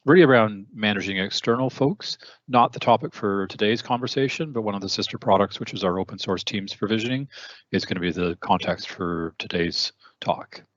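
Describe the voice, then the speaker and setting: A man's voice: fairly low pitch, brisk, no echo, highs cut off. A man hosting a technical webinar in a conversational way, with many fillers and repeated words, his voice a bit worn. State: losing his voice, clearing throat. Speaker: webinar host.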